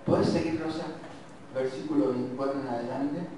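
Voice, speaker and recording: A man's voice: medium pitch, fairly even intonation, mellow. A man with an Argentine accent preaching and reading scripture, musing aloud and correcting himself. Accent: Argentine Spanish. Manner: slow, reflective, muses aloud and self-corrects. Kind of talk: sermon with Bible reading. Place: church hall. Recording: very echoey church, distant mic, faint hiss.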